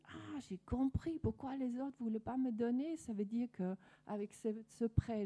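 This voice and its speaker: A woman's voice: mid-range voice, dark tone. A woman from Denmark with a Danish accent, earnestly telling her personal faith story with many restarts. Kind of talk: personal testimony.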